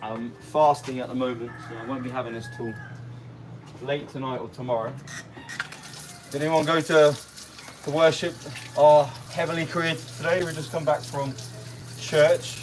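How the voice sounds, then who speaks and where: This livestream host is a young man from around London, England, whose English accent reflects the area. His voice sits on the high side, with flat delivery and a moderate pace, as he casually and easily answers comments. Ambient sound makes the stream clearly noisy.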